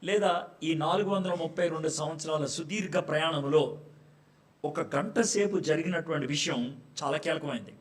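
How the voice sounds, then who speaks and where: A pastor preaching to his congregation in a loose, conversational way. He jokes and acts out little scenes as he goes. His voice sits rather high for a man. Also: normal speed. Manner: conversational and joking, acts out dialogue. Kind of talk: sermon. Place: church hall.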